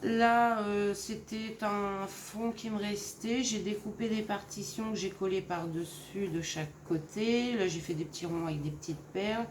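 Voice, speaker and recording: A woman from Normandy in France, casually showing her handmade crafts in a gentle, hesitant way with many fillers. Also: medium pitch, steady tone, normal speed, few pauses. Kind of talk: casual craft show-and-tell. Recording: roomy echo, faint background noise.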